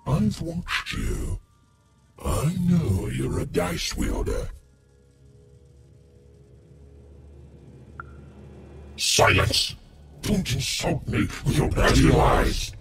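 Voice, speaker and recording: A man voicing a sinister, hungry shadow monster in a video game, with a gravelly, theatrical, threatening delivery. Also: mid-range voice, wildly swooping pitch, slow, faint music behind, heavily acted. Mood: angry, menacing. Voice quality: gravelly, creaky.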